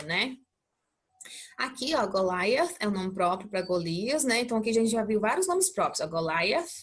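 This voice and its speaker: A woman teacher from Brazil explaining a lesson patiently, often checking in with her students and modeling words slowly. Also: medium pitch. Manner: models English pronunciation slowly. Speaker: English teacher. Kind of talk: recorded classroom lesson.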